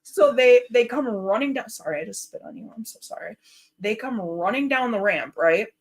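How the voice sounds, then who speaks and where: A woman telling stories in casual chat, animated and profane, often laughing as she talks. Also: on the high side, moderate pace, breathy edge. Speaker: talk show participant.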